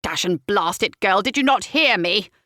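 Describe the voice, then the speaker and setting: A woman's voice: medium pitch, expressive, normal speed, sharp tone, no echo. Woman doing a blustering older retired major, pompous, grumbling, dry studio sound. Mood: indignant.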